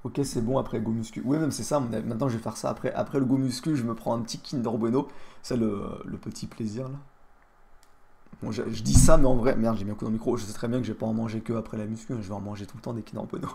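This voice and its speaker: Gravelly joking male streamer. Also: mid-range voice, steady tone, quick pace, warm tone. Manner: crude, joking, talks to chat. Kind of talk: casual live stream chat.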